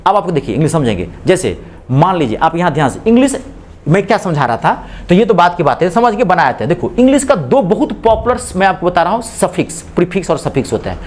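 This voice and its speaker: A man's voice: high voice, big pitch swings, quick pace, a little mellow. A man teaching a classroom English grammar lecture, drilling students with repeated questions and slipping English phrases into his explanations. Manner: mixes spoken English phrases into Hindi explanations.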